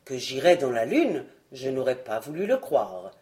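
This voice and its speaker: A woman reading an audiobook, voicing a big, clumsy, good-natured strongman in a lowered voice. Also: sing-song, normal speed, dark tone. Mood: easygoing.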